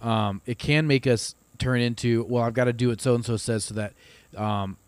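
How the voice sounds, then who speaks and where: A man from Ohio on a casual ministry podcast, speaking haltingly with many fillers as he works through his thoughts. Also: mid-range voice, fairly even intonation, no room sound.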